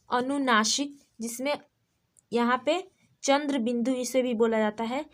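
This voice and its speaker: Woman teacher walking little kids thru pronunciation, says words over and over, kinda high voice. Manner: explains pronunciation patiently, repeating words; recites poem lines slowly and drawn out. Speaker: school teacher. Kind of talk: recorded kindergarten Hindi lesson.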